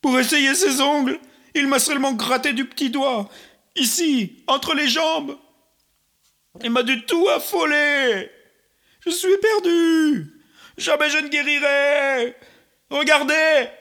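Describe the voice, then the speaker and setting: A man's voice: very high voice, a little slow, pushed and bright, pitched above the performer's own voice, heavily acted. A man voicing a cunning old peasant woman who wails and laments theatrically. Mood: wailing. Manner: plaintive, wailing, theatrical.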